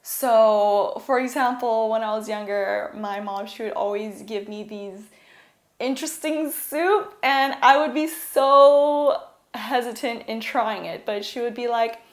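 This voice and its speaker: A woman's voice: fairly high pitch, a little slow. Young Californian woman presenting in a roomy space. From California, USA. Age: young adult. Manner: casual, uses "like" and "um" often. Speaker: university student. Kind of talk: presentation talk.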